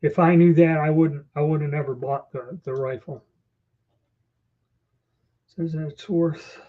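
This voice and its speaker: Speaking unhurriedly in a steady, fairly high voice, this man chats casually with viewers on his livestream, his speech a little impeded by new false teeth. The setting is a cramped indoor storeroom or office, captured in dull lo-fi sound.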